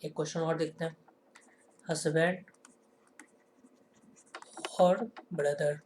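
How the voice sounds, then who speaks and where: A man teaching a lesson in a classroom style. He keeps asking rhetorical questions and answering them himself, and he slows down to stress each example sentence. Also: a little high, little pitch movement, darkish tone, a little hiss or hum.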